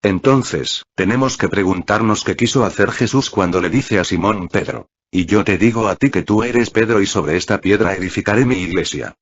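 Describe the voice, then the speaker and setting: A man's voice: fairly low pitch, husky. A man preaching an earnest Sunday reflection, exhorting his listeners. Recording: dull lo-fi audio.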